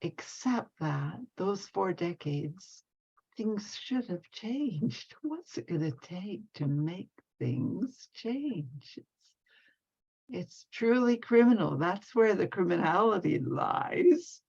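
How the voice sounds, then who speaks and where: A woman's voice: fairly low pitch, animated, takes it slowly, gravelly, darkish tone, husky, muffled recording. An older woman speaking an earnest, indignant message of support over a video call. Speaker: writer.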